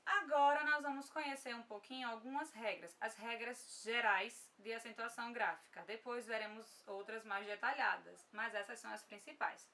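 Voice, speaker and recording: Bright-voiced Brazilian teacher woman. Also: fairly high pitch, fairly even intonation, normal speed, hardly any pauses, far from the mic. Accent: Brazilian Portuguese. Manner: patient, checks in often with "tá?". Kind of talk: online grammar lesson.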